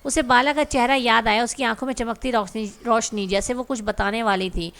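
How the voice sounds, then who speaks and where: A woman narrating a romantic drama story aloud in a steady reading voice. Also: a little high, creaky, smooth.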